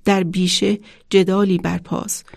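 A woman's voice: mid-range voice, level tone, creaky, dry recording, studio quality. A woman voicing a brave, caring young girl born of a tree, with an eager, exclaiming manner, in a children's storybook reading.

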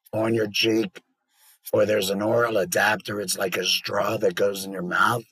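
A man talking as a podcast guest, explaining things in a measured, practical way with a few fillers. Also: lowish voice, fairly bright tone, slightly rough, dry recording, low-quality recording.

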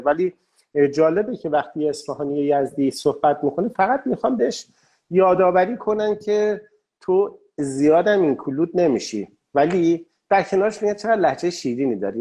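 A man's voice: fairly high pitch, darkish tone. A man interviewing a guest, laying out a pointed question and challenging her.

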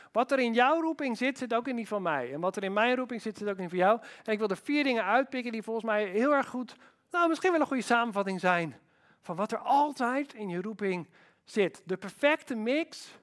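A man preaching a sermon as pastor, emphatic and animated, with rhetorical questions. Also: sits high.

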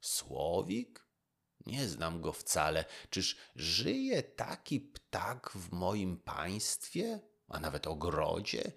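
A man's voice: low voice, wildly swooping pitch, drawn-out words, vocal fry, fairly bright tone, exaggerated voice. A man voicing a proud, vain old emperor who gives orders in a demanding way. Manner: imperious, demanding.

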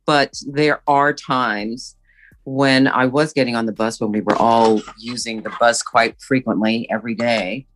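A woman from Brooklyn, New York, a podcast guest telling her story in a relaxed, candid way. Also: very deep voice, a little slow, a little hiss or hum, poor audio. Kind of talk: casual podcast conversation.

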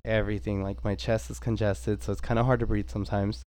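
A man's voice: on the low side, flat delivery, fast talker, darkish tone, clean tone. A man co-hosting a casual podcast chat with a congested, stuffy-nosed voice from allergies, rambling informally. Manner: rambling, informal, slips into Spanish. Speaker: podcast co-host.

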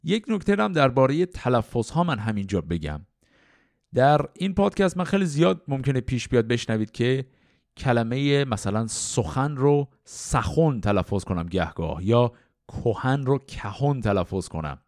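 A man hosting a podcast, explaining classical poetry in a clear teacherly way and reciting verse in a measured tone. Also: medium pitch, sing-song, a little mellow, no room sound, clean studio sound. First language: Persian.

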